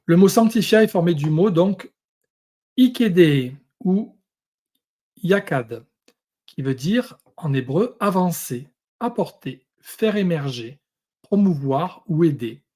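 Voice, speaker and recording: A man teaching a lesson, going through Hebrew and Greek words one at a time with many pauses. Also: on the high side, lively intonation, a little mellow. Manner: explains word by word, pausing often. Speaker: Bible teacher.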